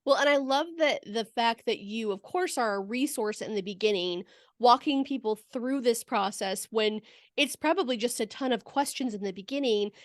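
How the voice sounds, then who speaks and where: A woman's voice: fairly high pitch, normal speed, dry recording, studio quality. A woman hosting a podcast interview, speaking fluently in long flowing sentences. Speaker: podcast host.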